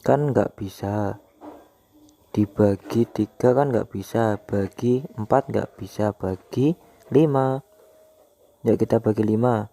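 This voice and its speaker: A man's voice: on the low side, gravelly, warm tone, dry recording. A man teaching maths to young children step by step, informal and coaxing, often asking and answering his own questions.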